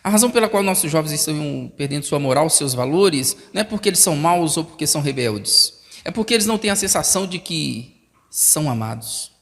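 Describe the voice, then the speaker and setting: A man preaching a sermon as pastor, emphatic and swelling louder on key phrases. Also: on the high side, lively intonation, a little fast, creaky. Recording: long reverb of a large hall.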